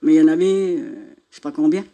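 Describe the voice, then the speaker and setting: A woman's voice: low-pitched, fast. An older woman from northern France gives a spoken religious testimony and acts out the dialogue as she tells it. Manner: animated storyteller, acting out dialogue. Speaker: church testimony speaker.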